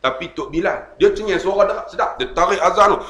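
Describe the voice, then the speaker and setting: A male Islamic preacher with a Malaysian Malay accent, giving a humorous sermon in an animated way, often addressing the audience as tuan-tuan and acting out the voices in his stories. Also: high voice, fast, echoey room.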